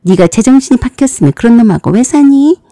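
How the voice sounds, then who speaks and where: A woman's voice: mid-range voice, lively intonation, normal speed, mellow, no echo, clean studio sound. A woman voicing a bossy eldest sister in a storybook drama who lectures bluntly and sarcastically. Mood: sarcastic.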